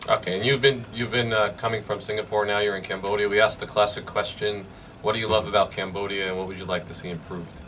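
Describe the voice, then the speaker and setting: On a radio business show, a man with a lowish, fairly bright voice and fairly even intonation talks at a quick pace. He asks his guest long, hesitant questions full of fillers and restarts, recorded on a distant mic with background noise.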